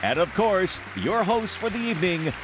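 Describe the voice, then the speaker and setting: A man announcing a variety show in a bright, showy event-host manner. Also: high voice, big pitch swings, normal speed, background noise. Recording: loud music and crowd behind.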